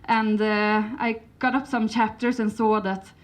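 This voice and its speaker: A Swedish woman gives a conference presentation in English with a Swedish accent, her fairly high voice fairly flat in pitch and a little slow. She's hesitant, with many fillers and restarts, yet brings a light touch of humour.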